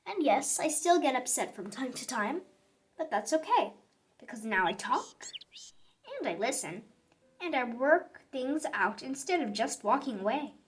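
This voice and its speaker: A woman's voice: high-pitched, expressive. A woman voicing a dramatic little sour grape who tells its own story in a children's picture book read-aloud, with theatrical emphasis. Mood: reflective. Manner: theatrical, exclaiming, drawn-out emphasis on words.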